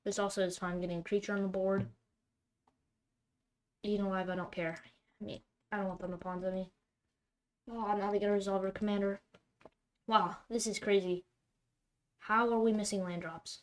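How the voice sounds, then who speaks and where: A woman's voice: mid-range voice, flat delivery, moderate pace, pauses often. A woman giving running commentary on her own card game, talking to herself and breaking into exasperated outbursts over her bad luck. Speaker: streamer playing a card game. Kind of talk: live gameplay commentary.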